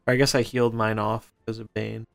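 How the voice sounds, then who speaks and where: A man's voice: on the low side, flat delivery, fairly quick, gravelly, fairly bright tone, soft background music. A man hosting a gaming podcast, chatting casually and explaining plays analytically as he comments on a match. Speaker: podcast host playing a card game. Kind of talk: casual gameplay chat and commentary.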